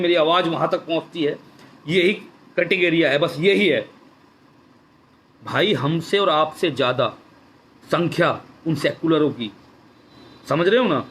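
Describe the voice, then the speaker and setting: A man speaks with fervour on a live stream, his voice sitting high, and he drives each point home by saying it twice. A faint hiss of noise runs under him. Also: fairly bright tone. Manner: emphatic, repeats key phrases. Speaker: political speaker on a social media live stream. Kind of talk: impassioned live-stream address.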